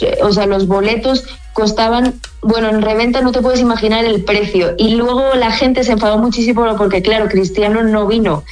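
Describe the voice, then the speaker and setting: A young Spanish woman from Asturias talks football on a radio interview, her Spanish accent faintly mixed with Mexican. Her voice sits a little high, and she speaks in a relaxed, chatty way. Soft music plays faintly behind her. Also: rough recording. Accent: Spanish with a slight Mexican mix. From Asturias, Spain. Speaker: football journalist guest.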